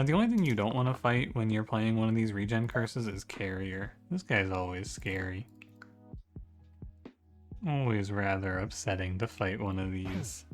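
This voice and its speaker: A man giving casual strategy game commentary, thinking aloud in a musing, conversational way and often correcting himself. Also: on the low side. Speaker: gaming streamer.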